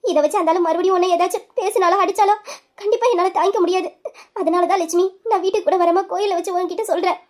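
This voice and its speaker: A high young voice playing a widowed sister-in-law who consoles a younger woman in a soothing, motherly way. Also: steady tone, fast talker. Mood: consoling.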